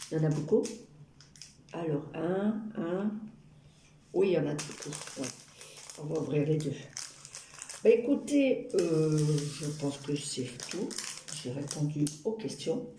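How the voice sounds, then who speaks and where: A woman's voice: low-pitched, lively intonation, unhurried, pauses often, dark tone. A woman chatting casually and ramblingly to her viewers while she crafts, with playful asides. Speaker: YouTube craft vlogger. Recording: roomy echo, noisy background with clicks.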